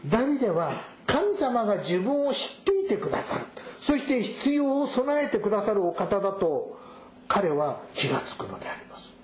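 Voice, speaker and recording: High-voiced man preaching in a roomy hall. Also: huge pitch swings, slight background noise. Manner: measured preaching, reading and explaining scripture verses. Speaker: pastor. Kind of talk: sermon. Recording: roomy echo, dull sound.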